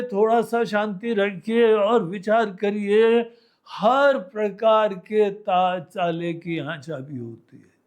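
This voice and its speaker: Slow, high-voiced man giving a sermon. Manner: unhurried, storytelling with everyday examples. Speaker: swami giving a scripture discourse. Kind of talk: spiritual discourse.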